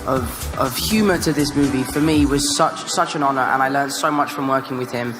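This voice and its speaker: A man telling an earnest, excited story about meeting a hero on set. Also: medium pitch, brisk, far from the mic. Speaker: actor in press interview. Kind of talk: recounting a memory. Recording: echoey hall with music behind.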